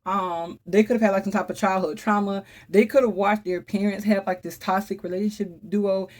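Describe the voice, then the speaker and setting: A woman with a mid-range, darkish voice and fairly even intonation gives a casual spoken tarot reading at a fairly quick pace. Chatty and emphatic, she often exclaims, addresses her viewers directly, and calls on the Holy Spirit.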